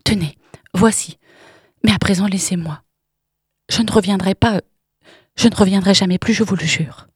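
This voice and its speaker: A woman voicing a frightened, genteel married woman who pleads in a high, strained, stammering voice in an audiobook reading. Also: normal speed, long pauses, breathy edge, dry recording, clean studio sound. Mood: panicked.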